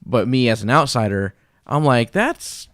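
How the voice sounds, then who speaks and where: A man's voice: mid-range voice, a little slow, no echo, clean studio sound. A man co-hosting a podcast, chatting casually and telling stories bluntly with a joking edge. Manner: animated storyteller, blunt and joking.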